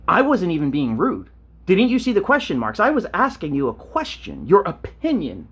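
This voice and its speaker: A man's voice: high voice, huge pitch swings, normal speed, a bit bright, breathy edge. A man ranting on a vlog, blunt and profane, telling stories and asking rhetorical questions. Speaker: vlogger.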